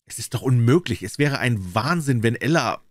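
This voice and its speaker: A man voicing a distraught young lawyer in a read-aloud crime story, speaking hoarsely in agitated disbelief. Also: medium pitch, expressive, normal speed, no echo, close to an everyday voice. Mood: disbelieving.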